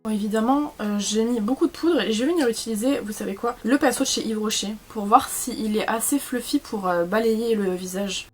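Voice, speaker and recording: A woman's voice: a little high, brisk, few pauses, breathy edge, faint music behind. Chatty southern French woman vlogger. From southern France. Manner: chatty, rambling, many fillers and asides. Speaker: beauty vlogger. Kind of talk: casual makeup tutorial chat.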